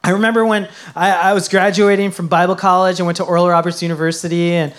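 A man's voice: high-pitched, flat delivery, fast talker, fairly bright tone. A man preaching a sermon as pastor, earnest and emphatic, asking the congregation questions.

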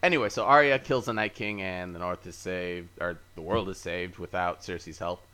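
A man with a very low voice and a bright, forceful tone hosts a casual podcast chat. He rambles through a recap, pausing on fillers and correcting himself as he goes. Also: fairly even intonation, clear, resonant tone. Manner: easygoing, self-correcting. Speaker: podcast host.

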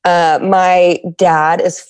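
On a podcast, a middle-aged guest from San Diego, United States, reflects openly in a smooth, low, steady voice, often stopping and restarting to find her words during the conversational interview. It's recorded close and dry, with no room sound at all.

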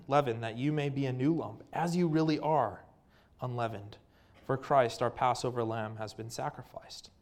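This is a sermon from a man with a Canadian accent and a medium-pitched voice. Earnest in manner, he reads from scripture and prays, pausing often and leaning on fillers.

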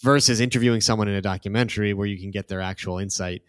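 A man's voice: fairly low pitch, steady tone, rapid-fire, clear, resonant tone, dry recording, clean studio sound. A man hosting a podcast in casual chat, opinionated and heavy on fillers. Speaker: podcast host.

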